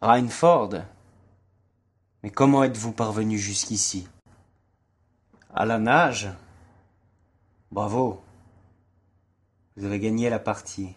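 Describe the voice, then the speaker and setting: A man's voice: lowish voice, steady tone, slow pace, long pauses, husky. A man voicing a suave, mocking aristocratic general who speaks with courtly irony. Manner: courtly and ironic.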